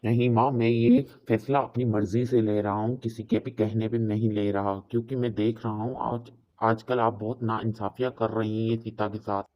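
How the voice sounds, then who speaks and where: A man's voice: on the low side, little pitch movement, lightly acted. Man voicing a firm young husband. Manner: measured, firm. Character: young husband, calm, firm, fair-minded. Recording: dull lo-fi audio.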